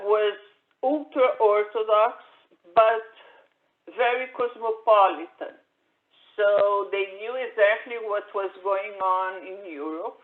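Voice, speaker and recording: An older woman raised in Brazil, speaking slowly and haltingly with many pauses as she recounts her life in an oral history interview. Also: medium pitch. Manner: slow, halting, many fillers and restarts. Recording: tinny phone-like audio.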